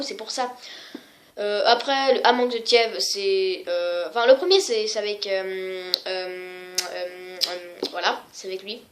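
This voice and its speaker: Femme, vlog de jeux vidéo, nombreuses hésitations, ton autodérisoire, voix plutôt aiguë. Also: female voice, fairly high pitch. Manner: rambling, many fillers and self-mocking asides. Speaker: gaming vlogger. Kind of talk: casual video game showcase.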